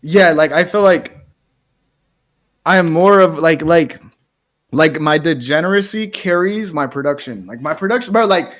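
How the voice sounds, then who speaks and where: A laid-back American man hosting a casual chat. His voice sits a little high for a man, and the talk rambles and loops, with "bro" and "like" in almost every sentence. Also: moderate pace, fairly bright tone. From United States. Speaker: podcast host and music producer.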